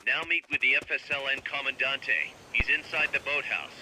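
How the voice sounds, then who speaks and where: A man playing a headquarters radio commander who gives crisp, clipped orders. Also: mid-range voice, fairly even intonation, moderate pace, slight background noise, poor audio. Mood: commanding. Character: brisk male radio commander at HQ. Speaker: mission support officer. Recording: game audio over loud music.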